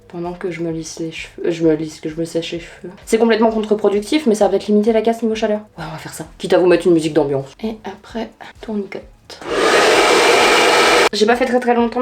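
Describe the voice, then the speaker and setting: A woman's voice: mid-range voice, fast, warm tone. A woman chatting casually in a home beauty vlog, blunt and slangy, poking fun at herself as she tests tips in a hot room. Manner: blunt, slangy and self-mocking. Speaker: beauty vlogger testing tips.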